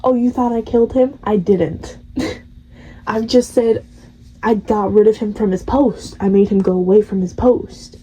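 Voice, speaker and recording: A woman's voice: mid-range voice, measured pace, mellow, slightly rough, poor audio. A woman voicing a cold, cruel male god who mocks a human in a retold game story. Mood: mocking. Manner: mocking, contemptuous.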